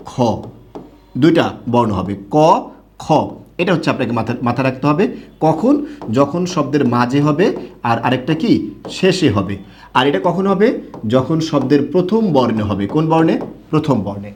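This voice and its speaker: Bengali grammar teacher, man, fairly high voice. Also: darkish tone. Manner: explains step by step with questions to the students. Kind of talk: online class lecture.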